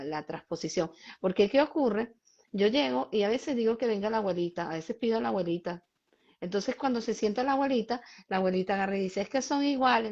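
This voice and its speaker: A woman's voice: medium pitch, a little mellow, muffled recording. A woman hosting a live-streamed conversation, explaining child behavior in an emphatic, example-filled way. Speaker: host and child behavior specialist.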